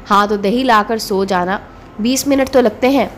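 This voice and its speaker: Cheeky loving young wife, warm and teasing, storybook read-aloud, voiced by a woman. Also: mid-range voice, normal speed, slight background noise, natural voice.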